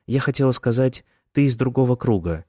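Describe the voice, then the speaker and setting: A man's voice: mid-range voice, lively intonation, a little fast, warm tone, dry recording, clean studio sound, voice pushed up, lightly acted. A man reading the part of a fussy, disapproving middle-aged mother, in a nagging, reproachful manner.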